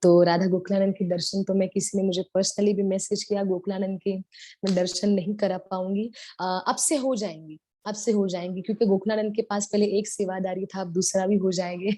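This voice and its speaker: A woman's voice: medium pitch, no echo. A woman giving a devotional talk, telling stories tenderly and mixing English words into her speech. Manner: tender, animated storytelling with Hindi-English mixing. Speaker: devotional speaker.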